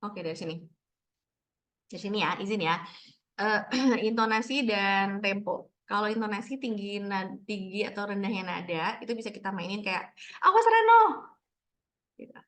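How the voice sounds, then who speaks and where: A woman leads an online workshop on reading aloud, speaking in a relaxed, reassuring manner. She uses a lot of fillers, and her voice sits at a middle pitch. The sound comes over a video call. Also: moderate pace. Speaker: read-aloud workshop facilitator. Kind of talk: casual teaching on a video call.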